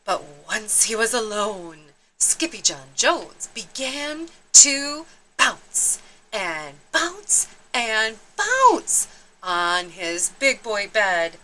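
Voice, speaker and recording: A woman storytime host reading a children's picture book aloud with expressive, dramatic emphasis. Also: mid-range voice, drawn-out words, a little hiss or hum. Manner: animated, emphatic, dramatic delivery.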